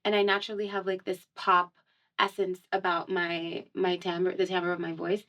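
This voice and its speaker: With a lowish, flat-sounding voice that is a bit bright, a young Miami singer talks at a moderate pace as a guest in a radio studio. Her casual conversational interview wanders chattily, heavy on fillers and frequent light laughs.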